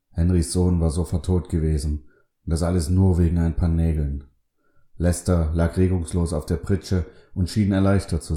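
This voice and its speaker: A man hosting his own show and reading a short story aloud in a calm, measured way. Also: low voice, roomy sound. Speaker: host and reader.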